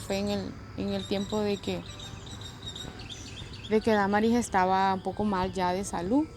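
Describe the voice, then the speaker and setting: A woman telling a personal faith testimony in a conversational, reflective way, often adding tag questions. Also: medium pitch. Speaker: testimony vlogger.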